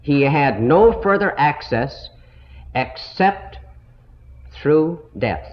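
A man giving a slow, deliberate Bible lesson to a congregation, heard on an old, muffled tape recording. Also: fairly high pitch. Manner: slow, deliberate, explanatory teaching. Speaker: Bible teacher.

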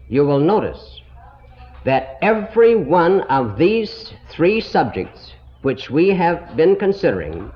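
Man teaching scripture on an old recording. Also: on the high side. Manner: slow, deliberate, explanatory teaching. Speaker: Bible teacher. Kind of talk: Bible lesson to a congregation. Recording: dull, muffled old tape recording.

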